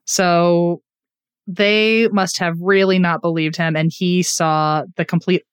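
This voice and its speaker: A woman's voice: on the low side, little pitch movement, takes it slowly, smooth, dry recording, clean studio sound. A woman co-hosting a podcast, telling a story in a casual, chatty way and often laughing at herself. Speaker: podcast co-host.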